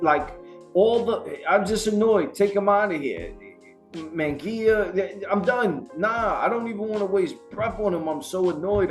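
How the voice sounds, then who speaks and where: A man co-hosting a casual boxing podcast, ranting in a heated, profane, animated way. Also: sits high. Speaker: podcast co-host.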